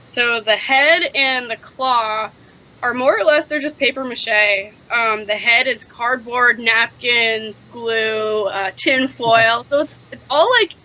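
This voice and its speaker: Young female podcast co-host, bright voice, relaxed um-filled explainer. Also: a little high, slow pace, poor audio. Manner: easygoing, um-heavy explainer. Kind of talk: casual podcast chat.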